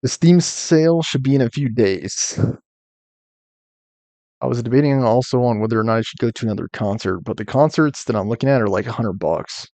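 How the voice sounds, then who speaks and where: A man's voice: mid-range voice, a little fast, dark tone, dry recording. A man streaming a game, chatting casually and thinking aloud between bits of reading. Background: music.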